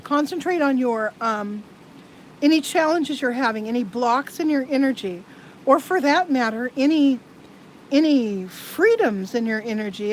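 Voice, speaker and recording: A woman giving live tarot card readings to viewers. She talks in a halting, earnest way with many restarts. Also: high voice, slight background noise, poor audio.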